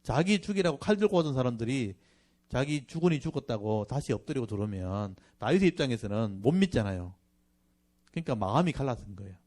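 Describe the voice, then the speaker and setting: A male pastor teaching a Bible class, speaking conversationally and reading verses slowly with emphasis. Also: medium pitch, expressive, a little mellow. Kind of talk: Bible lecture.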